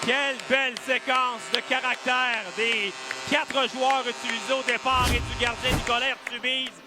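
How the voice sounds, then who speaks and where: A man with a Quebec French accent giving animated live colour analysis of a hockey game. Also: very high voice, normal speed, over music.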